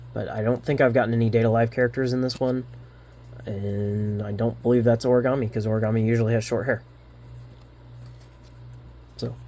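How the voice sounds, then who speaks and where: A man rambling through a card unboxing, halting often with fillers and restarts, a little winded. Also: medium pitch, a little mellow. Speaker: card unboxing channel host. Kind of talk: casual unboxing commentary.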